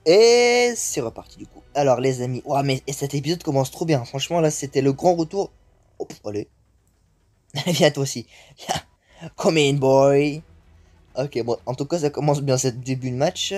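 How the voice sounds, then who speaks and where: Excitable young man narrating his gameplay. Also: medium pitch, a little fast, faint music behind. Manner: excitable, swears often, mixes English exclamations into French. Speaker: gaming YouTuber. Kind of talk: live gameplay commentary.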